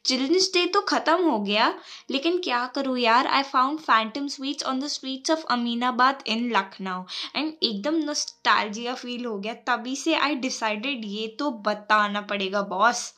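A woman's voice: fairly high pitch, very fast, bright, forceful tone. A young woman with a North Indian accent hosting a casual solo podcast, chatting directly to listeners and mixing Hindi with English. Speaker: podcast host.

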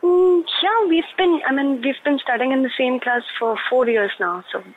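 A woman's voice: high voice, moderate pace. A young woman with an Indian accent, chatting casually and hesitantly about personal things as a caller. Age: young adult. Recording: dull lo-fi call, faint noise.

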